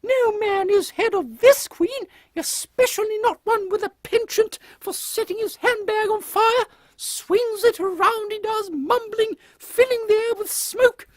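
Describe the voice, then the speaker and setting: Very high-pitched, imperious queen, Victoria. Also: a little slow, no room sound. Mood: indignant. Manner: haughty, scolding, formal old-fashioned phrasing. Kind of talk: comic audio drama acting.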